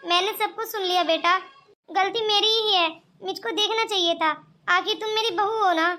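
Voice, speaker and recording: A woman's voice: very high-pitched, fairly even intonation, moderate pace, bright, forceful tone. A woman voicing an older, bossy mother-in-law in a cartoon, who talks in a scheming, commanding way. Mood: warm. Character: older mother-in-law, sharp-tongued turned kind. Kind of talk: cartoon voice acting.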